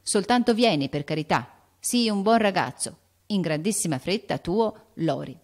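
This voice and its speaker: A woman's voice: fairly low pitch, lively intonation, moderate pace, darkish tone. A woman voicing a cheerful, playful teenage boy's letter in an audiobook. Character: cheerful rich teenage boy writing a letter. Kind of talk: audiobook character voice.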